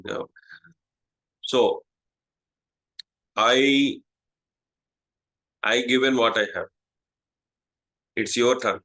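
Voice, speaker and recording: A man with an Indian English accent, whose first language is Telugu, hosting a casual spiritual talk and pausing often with "uh" and "okay". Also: mid-range voice, pushed and bright, low-quality recording. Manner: slow, halting, many "uh" and "okay". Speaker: astrologer, channel host.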